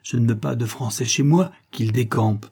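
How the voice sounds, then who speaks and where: A man voicing a stout, sharp-tongued innkeeper's wife who scolds coldly, with a husky voice. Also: mid-range voice, moderate pace. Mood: scolding. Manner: scolding, cold.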